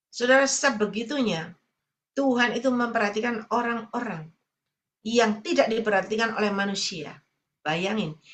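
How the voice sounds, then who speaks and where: A woman's voice: a little high, fairly bright tone. A woman evangelist preaching a sermon, telling stories and often addressing the congregation directly. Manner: storytelling, addresses congregation as brothers and sisters.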